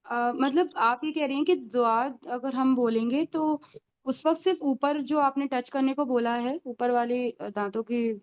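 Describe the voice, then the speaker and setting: A woman's voice: high-pitched, measured pace, muffled recording. A woman student asking her teacher a question in an online class, hesitant and full of fillers.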